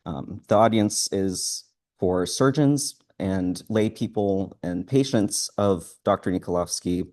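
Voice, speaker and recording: Low, mellow man presenting to an audience. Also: slow pace. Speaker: student presenter. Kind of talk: live thesis presentation in front of an audience. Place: room with a live audience.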